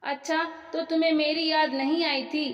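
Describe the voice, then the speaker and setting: A woman reading the lines of a proud, quick-tempered young wife in a sharp, indignant tone, recorded in an echoey room. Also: high voice, little pitch movement, highs cut off, soft background music, natural voice. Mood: angry. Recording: echoey room with long reverb.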